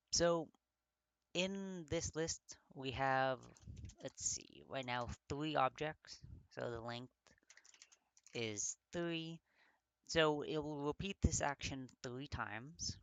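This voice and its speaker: A man with a medium, slightly bright voice walks through some code casually, thinking aloud with lots of fillers and frequently stumbling over words and correcting himself. He sounds like a coding tutor, recorded cleanly with no echo.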